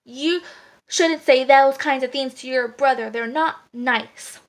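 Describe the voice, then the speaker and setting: A woman's voice: sits high, slow. A woman voicing a cool, half-hearted mother duck scolding her ducklings, recorded on a phone. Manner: scolding, flat. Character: cold, distant mother duck.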